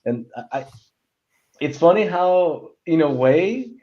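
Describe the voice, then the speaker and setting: On a film discussion panel, this man's fairly high, animated voice moves slowly as he shares opinions in a casual chat. He stammers and rambles, frequently starting his sentences over, captured in muffled, dull lo-fi sound.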